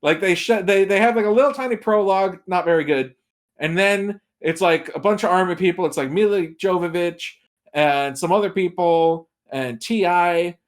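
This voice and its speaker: Appearing as a guest film critic on a podcast, a man with a somewhat high voice chats casually at normal speed. He shares film opinions storyteller-style, slipping in small imagined reactions to drive his points home.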